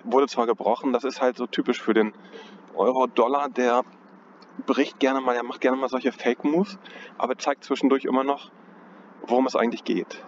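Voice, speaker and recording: A trading analyst talks casually through his charts outdoors on a cold day, thinking aloud, hesitating, and frequently correcting himself. His medium-pitched voice moves at a moderate pace with fairly even intonation. The audio is dull and lo-fi, with outdoor noise in the background.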